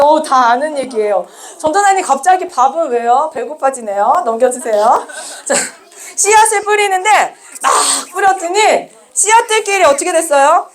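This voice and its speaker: A woman children's minister giving a sermon to small children with slides, lively and asking them questions. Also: high-pitched.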